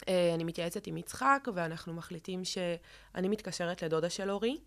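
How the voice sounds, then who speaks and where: A young woman telling a guest's personal story in an interview, halting, with many fillers and restarts. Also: lowish voice, fairly bright tone. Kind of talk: emotional personal account in an interview.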